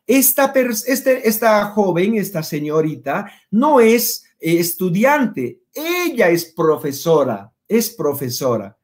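Guy with a high voice teaching quechua online, slow and patient, keeps asking "ya?". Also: a little mellow. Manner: patient, repeats words and checks understanding with "¿ya?"; pronounces Quechua words slowly, then translates. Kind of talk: online language lesson.

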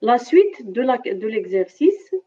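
A woman's voice: fairly high pitch, big pitch swings, slow pace, husky. A woman teacher with a Moroccan French accent, lecturing a chemistry class over a video call and explaining step by step while often checking that students follow. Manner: explains step by step and keeps asking "d'accord?". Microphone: computer mic on a video call. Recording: dull lo-fi video-call audio.

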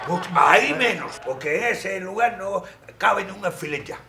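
A man's voice: high voice, animated, moderate pace, pushed and bright, echoey room, slight background noise, exaggerated voice. A man playing a streetwise fixer who talks persuasively, spinning stories with sound effects. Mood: scheming.

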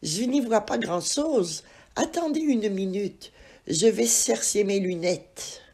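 A courteous male snake with a pronounced lisp, eager to help, voiced by a woman reading a storybook aloud. The voice is a little breathy and husky, rising high and swooping with lively pitch. It sounds like a children's story told at a gentle pace. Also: takes it slowly. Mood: polite. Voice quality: lisping.

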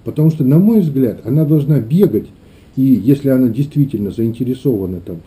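A man's voice: medium pitch, lively intonation, a little fast, dark tone, poor audio. A middle-aged man, a clergyman, giving reflective interview answers, often searching for his words. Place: small meeting room indoors.

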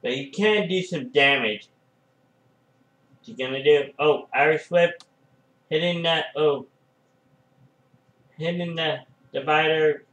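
Excitable man doing slow fan commentary. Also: fairly high pitch, echoey room, rough recording. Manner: excitable, frequent "oh" and "uh" fillers. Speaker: fan commentating a wrestling match.

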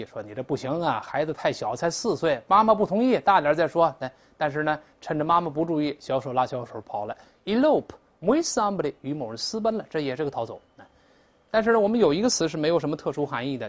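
A woman's voice: low-pitched, darkish tone. A woman teaching English vocabulary in Mandarin, drilling pronunciation aloud with lots of repetition. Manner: explains in Mandarin with English examples. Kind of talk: classroom vocabulary lesson.

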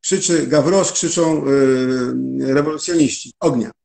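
A man with a somewhat high voice gives long interview answers. He explains his working process step by step, in a careful and methodical way. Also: normal speed, darkish tone. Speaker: interview guest, musical translator.

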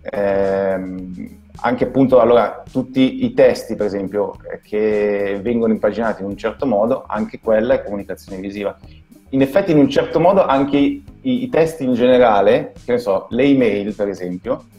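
Italian designer guy on a video call, lowish voice, stops and repeats himself. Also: dark tone, lo-fi sound, faint music behind. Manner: explanatory, halting, repeats words. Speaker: guest, brand designer. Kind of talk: casual video call interview.

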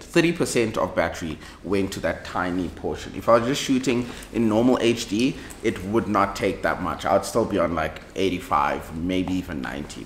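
A young man, chatting casually to a handheld camera in a vlog, rambling with self-joking asides. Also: fairly low pitch. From South Africa. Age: young adult. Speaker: vlogger. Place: home indoors, then an outdoor farm venue. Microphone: camera held at arm's length.

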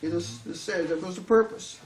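A man's voice: high-pitched, a little fast. An older man with a Southern US accent preaching an earnest, emphatic sermon at a lectern, often restarting his phrases. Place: small room before a curtain backdrop, at a lectern. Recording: echoey room, slightly distant mic, faint hiss.

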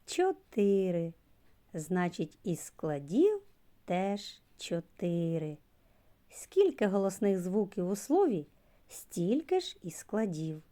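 Slow, sing-song preschool teacher woman. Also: medium pitch, sing-song, warm tone. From Ukraine. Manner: sing-song, stretches sounds and key words. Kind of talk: slow literacy lesson for young children.

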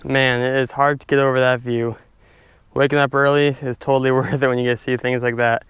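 A young man casually narrating his fishing from a stand-up paddleboard on a lake, chatty and excitable, talking to his viewers. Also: medium pitch, brisk, clear, resonant tone. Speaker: fishing vlogger. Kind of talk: casual outdoor commentary. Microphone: head-mounted action camera.

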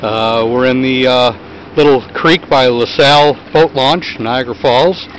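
Man, casual narration, kayaking outdoors, relaxed, chatty, filler words, camera mic. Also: mid-range voice, unhurried, a little hiss or hum, poor audio. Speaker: kayaker filming friends. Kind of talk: casual narration while paddling.

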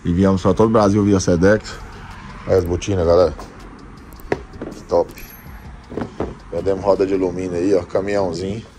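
A man's voice: low voice, flat delivery, normal speed, long pauses, noisy background. A man in his thirties vlogging on a phone held at arm's length, joking and rambling in slang. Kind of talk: casual vlog chat. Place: outside a shop at dusk, then inside.

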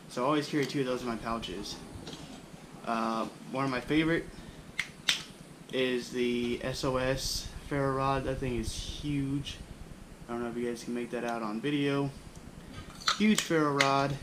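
A young bushcraft channel host talks through his camping gear in a casual show-and-tell, relaxed and rambling with frequent fillers. He's pretty monotone with a mid-range voice, and the recording is kinda noisy. He's indoors in a small room with a wooden floor.

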